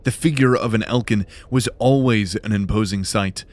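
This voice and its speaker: A man with a lowish voice reads fantasy fiction at a normal pace, delivering it as scripted, dramatic storytelling. Music plays behind him throughout.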